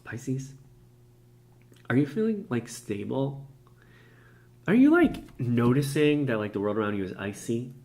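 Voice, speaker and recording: A man's voice: mid-range voice, animated, normal speed, darkish tone. A man from Cleveland hosting a playful, chatty, mock-mystical card reading. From Cleveland, USA. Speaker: comedic psychic host. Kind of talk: comedic tarot card reading vlog.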